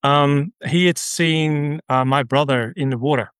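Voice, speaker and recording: A man with a Dutch accent talks through his story in an earnest, halting way, pausing often on fillers. His voice sits a little high for a man. The sound is close and dry, with no room around it. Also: a bit bright, clear, resonant tone, dry recording. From Netherlands. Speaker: guest, ministry leader. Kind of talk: conversational interview.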